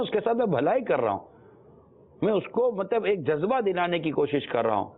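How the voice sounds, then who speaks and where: Earnest preacher man, tinny thin sound. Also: fairly high pitch. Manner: earnest, exhorting, repeats phrases. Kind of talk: religious talk.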